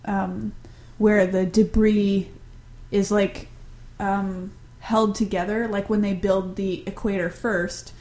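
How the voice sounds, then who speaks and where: A woman's voice: medium pitch, level tone, slow pace, darkish tone. Chatty young woman co-hosting a podcast. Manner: chatty, enthusiastic, swears freely. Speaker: podcast co-host. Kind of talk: casual podcast chat.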